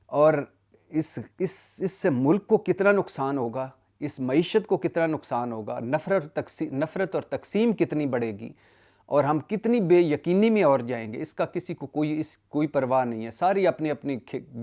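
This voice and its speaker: A man's voice: on the high side, lively intonation, darkish tone. Indignant male political commentator. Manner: indignant, emphatic, with rhetorical questions and lists; frequent self-corrections and cut-off words. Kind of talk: solo political analysis.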